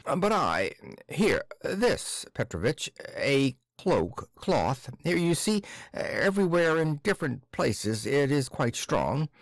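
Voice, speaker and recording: A meek, stammering clerk, put on by a man who breaks off his phrases and pleads. The voice sits well above his usual pitch and swings around a lot. The sound is dry and close. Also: very animated, dry recording, exaggerated voice. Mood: pleading. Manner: halting, broken-off phrases, pleading. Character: timid stammering older male clerk.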